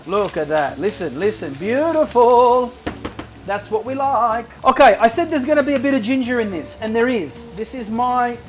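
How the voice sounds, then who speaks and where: An enthusiastic cooking show host giving a casual demonstration to viewers, often repeating words for emphasis, over a sizzling pan. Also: mid-range voice.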